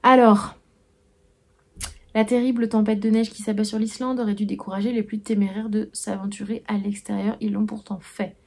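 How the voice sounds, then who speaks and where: A woman's voice: mid-range voice, level tone, normal speed, vocal fry, darkish tone. A young adult woman vlogging about books she received, talking casually and hesitantly, with many fillers and restarts. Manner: hesitant, full of "euh" and restarts, musing aloud. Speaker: book vlogger.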